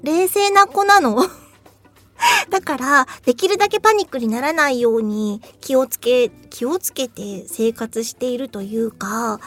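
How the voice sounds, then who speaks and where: A woman's voice: high voice, dry recording. A voice actress chatting casually on her own show, laughing easily and now and then acting out a scream. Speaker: voice actress hosting a talk show. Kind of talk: casual solo chat.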